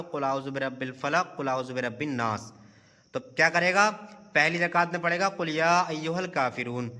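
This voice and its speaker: A man's voice: a little high, bright, forceful tone. A man teaching children the steps of prayer in a madrasa, patiently quizzing his pupil one step at a time. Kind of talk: teaching children how to pray. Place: madrasa room. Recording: long reverb.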